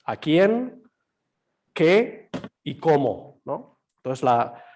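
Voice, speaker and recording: Man, slightly hoarse, patient yoga teacher, video call mic. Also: medium pitch, a little mellow. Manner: explains patiently, quizzes students, many fillers. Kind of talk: online class lecture. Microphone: computer mic on a video call.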